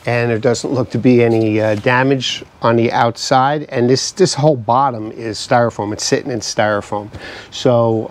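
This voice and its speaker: A man in his forties giving a casual, relaxed unboxing review, thinking aloud with fillers as he goes, recorded on a screened outdoor patio by a camera mic a few feet away. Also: medium pitch. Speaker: product reviewer.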